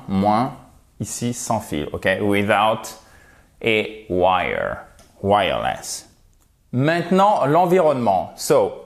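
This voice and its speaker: Man, language teacher, slow and deliberate, repeats each word, mid-pitched voice. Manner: slow, patient, repeats words for pronunciation. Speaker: English teacher. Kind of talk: language lesson.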